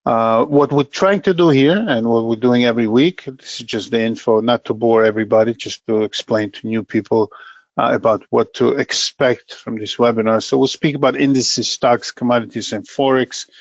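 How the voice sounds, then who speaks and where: A middle-aged man presenting a trading webinar as an account manager, talking plainly with many pauses and fillers and a dry sense of humor. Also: mid-range voice, fairly even intonation, no room sound. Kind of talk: educational market webinar. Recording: dull lo-fi dry webinar audio.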